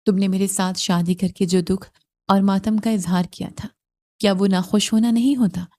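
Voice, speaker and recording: A rude young husband laying down blunt, curt demands, voiced by a woman reader. The tone is mellow and dark, and the delivery stays close to her everyday voice. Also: medium pitch, steady tone, close to an everyday voice. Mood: brusque. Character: brusque, possessive young husband.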